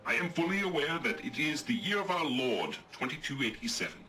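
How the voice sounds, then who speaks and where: An actor playing a pompous, old-fashioned robot naval captain in a video game, with theatrical gentlemanly diction. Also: male voice, medium pitch, a little fast, a little hiss or hum. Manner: grandiose, lively commanding delivery. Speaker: ship's captain.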